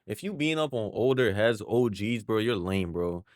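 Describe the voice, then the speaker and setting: A fairly low-voiced man hosting a reaction video, loose and slangy, dropping "bro" at the end of almost every line. He flares up into heated outbursts between calmer stretches. It sounds dry and close, like a desk mic in a small room. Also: moderate pace, no echo. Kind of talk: casual reaction commentary.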